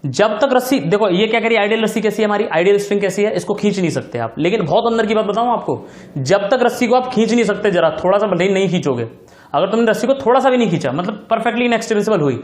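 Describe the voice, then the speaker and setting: A man teaching a physics lesson, his voice sitting high for a man. He walks through each step, repeats the key points and checks again and again that his students follow. The sound is roomy and echoey, like a classroom. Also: animated, quick pace. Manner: affectionate address to students. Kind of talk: recorded classroom lecture.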